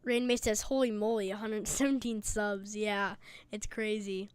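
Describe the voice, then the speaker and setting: A woman's voice: mid-range voice, flat delivery, normal speed, smooth. A woman hosting a live weather stream, reading chat aloud between urgent storm warnings while eating. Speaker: livestream weather host. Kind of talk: live storm-tracking commentary.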